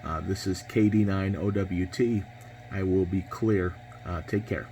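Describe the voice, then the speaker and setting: Speaking over ham radio, this American amateur operator in his twenties sounds casual, polite and somewhat hesitant. He has a low voice with fairly even intonation and a measured pace, and the background is noisy.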